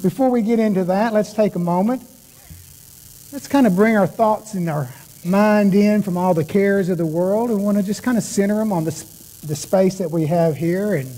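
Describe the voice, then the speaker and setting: A man speaking as a prayer chaplain at a church service, welcoming people and guiding prayer in an informal, halting, folksy way. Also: sits high, mellow, low-quality recording. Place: church sanctuary during a service. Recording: live church recording with background noise.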